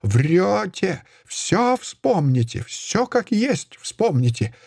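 A man voicing a self-righteous Soviet woman official who shouts accusations in a sing-song, triumphant way. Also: medium pitch, big pitch swings, normal speed, slightly rough, no room sound, studio quality, voice pushed up. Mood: triumphant shouting.

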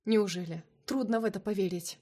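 A woman voicing a cunning male vampire king held captive, speaking softly and coaxingly in a storybook reading. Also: mid-range voice, a little fast, close to an everyday voice. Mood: seductive. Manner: soft, velvety, coaxing.

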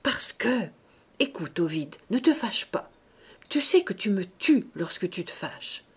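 A woman's voice: medium pitch, very animated, measured pace, husky, full character voice. A woman reading an audiobook, voicing a stubborn, fiercely devoted elderly mother who speaks doting words to her son.

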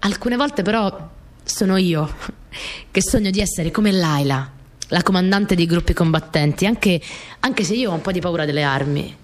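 An actress voices a young wartime partisan courier, small, earnest and quick to get flustered, recounting her story in an intimate, expressive radio drama monologue. Her voice is lowish and natural, at a moderate pace, and the mood is earnest and reflective.

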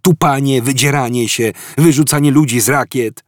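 A man reading an audiobook, voicing a quick-witted alien traveller who pleads and snaps urgently. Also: mid-range voice, no room sound, clean studio sound, pitched above the performer's own voice, close to an everyday voice. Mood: coaxing.

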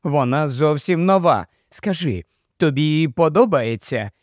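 Guy putting on a gushy vain young lady, high and chattery, dry close sound. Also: lively intonation, unhurried, no echo. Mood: gushing. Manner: gushing, loud, fussy.

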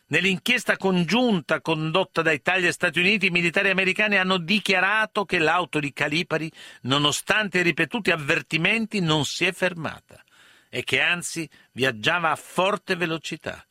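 A man hosting a radio history program, narrating a scripted story in a measured, dramatic way. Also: a little high, pushed and bright, no room sound, clean studio sound. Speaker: radio host.

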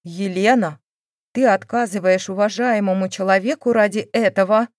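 A woman's voice: lowish voice, normal speed, dry recording, studio quality, lightly acted. A woman voicing a domineering older mother who scolds her daughter, raising her voice in indignation. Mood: indignant. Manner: scolding, raised voice.

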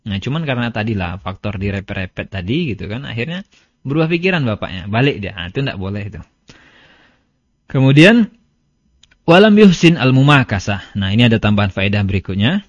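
A man's voice: lowish voice, big pitch swings, fast, no room sound. A man, a religious teacher, giving a casual lesson in a chatty, storytelling way and reading out Arabic passages. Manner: conversational, storytelling with everyday examples; reads Arabic text aloud. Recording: dull, dry lo-fi lecture recording.

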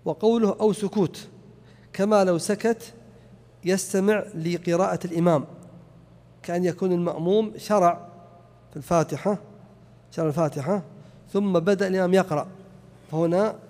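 A man's voice: sits high, a little fast, long pauses, a little mellow. A man teaching a lesson on a religious text and reciting examples to illustrate each point. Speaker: Islamic teacher. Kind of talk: lecture on a text. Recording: long hall reverb.

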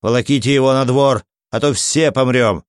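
Dude voicing a rowdy pack of drunk soldiers hollering, dry close mic. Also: male voice, normal speed, clean tone, dry recording, lightly acted. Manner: raucous shouting, pitched up.

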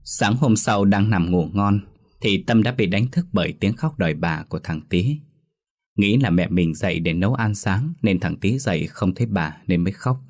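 A man narrating a scripted ghost story in a steady storytelling manner. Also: on the low side, moderate pace.

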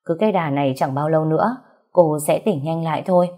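Female reader as a kind reassuring caretaker woman, cheerful, husky low voice. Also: fast talker, dark tone. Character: kind cheerful older-sister nurse type.

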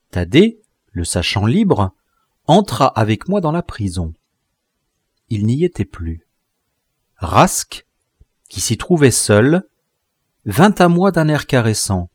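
A man narrating a classic novel as an audiobook, in an expressive literary reading. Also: mid-range voice, slow, long pauses, husky, no room sound, clean studio sound. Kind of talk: scripted narration.

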